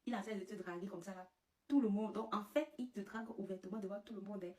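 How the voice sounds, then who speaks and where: A woman telling a comic story as a vlogger, animated and laughing at her own tale. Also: medium pitch, quick pace, distant mic. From Cameroon. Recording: roomy, away from the mic.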